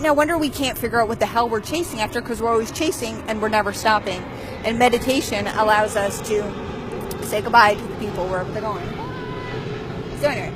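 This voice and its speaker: A woman vlogger talking casually on a live stream, animated and chatty, swearing now and then. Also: medium pitch, background noise. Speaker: motivational vlogger.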